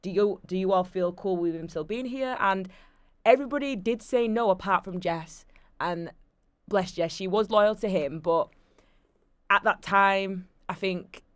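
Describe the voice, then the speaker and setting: A woman's voice: medium pitch, measured pace, no room sound. Chatty young woman, dry close sound. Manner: chatty, animated storyteller with lots of fillers. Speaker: guest. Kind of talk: casual interview chat.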